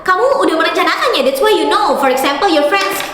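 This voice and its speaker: Young woman teacher, high voice, calls students dear, lots of echo and long reverb. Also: animated, fast talker, a bit bright, slight background noise. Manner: affectionate, calls students "sayang"; mixes English into her explanations. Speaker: English teacher. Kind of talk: explaining grammar in class. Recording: very echoey room with long reverb.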